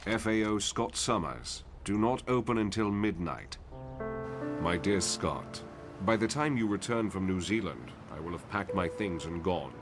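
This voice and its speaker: An actor playing an older, guilt-ridden professor in a motion comic, speaking in a grave, measured, eloquent way. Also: male voice, low-pitched, animated, loud music behind the voice. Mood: solemn, resigned. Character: weary, guilt-ridden older male professor and mutant mentor.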